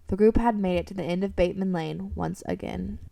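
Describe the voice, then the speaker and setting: Here a woman's creaky, mellow mid-range voice moves fairly quickly through story narration written for an amateur radio drama. The microphone sits a bit away from her in a room, which gives a roomy, slightly distant sound.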